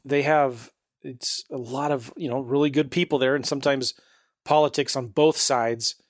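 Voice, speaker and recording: A man's voice: mid-range voice, fairly even intonation, moderate pace, dry recording, studio quality. A man hosting a podcast, upbeat and chatty, often laughing as he talks. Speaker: podcast host. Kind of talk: casual interview chat.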